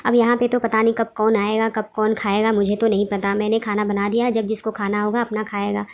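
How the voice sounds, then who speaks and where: A woman's voice: mid-range voice, level tone, fairly quick, natural voice. A woman playing a blunt young bride. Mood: offhand.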